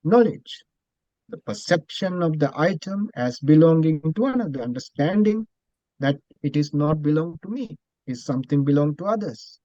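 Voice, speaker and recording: A man, a Buddhist monk teacher, telling a story in a dharma talk, speaking slowly and deliberately and repeating phrases. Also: fairly high pitch, lively intonation, warm tone, no echo, dull audio.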